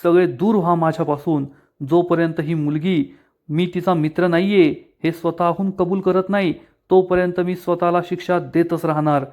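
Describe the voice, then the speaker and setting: A man's voice: on the high side, level tone, moderate pace, a little mellow, highs cut off, lightly acted. Male narrator as a resentful young man, harsh and accusing. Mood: furious.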